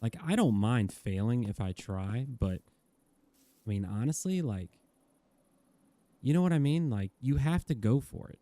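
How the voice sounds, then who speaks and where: A man's voice: mid-range voice, lively intonation, a little slow, pauses often, dark tone, no echo. A man in his thirties giving casual, rambling and earnest commentary over a game, chatting to the viewer and teasing the animals in the game. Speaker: gaming YouTuber.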